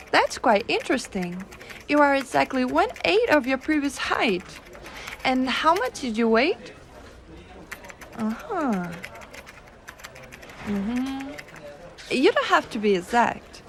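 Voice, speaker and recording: In an ASMR roleplay, a woman plays a giantess secretary with a high, very expressive voice. Gentle, doting and gently inquisitive, she coaxes the listener with soft reassurance and a teasing, quietly dominant edge. A faint hiss or hum sits in the recording.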